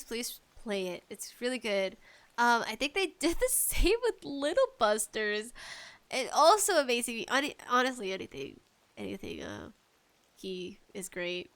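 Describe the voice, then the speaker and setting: A woman hosts a casual, rambling solo podcast in a nasal, congested voice pitched on the high side. She sounds animated and pleading and drops in self-deprecating asides.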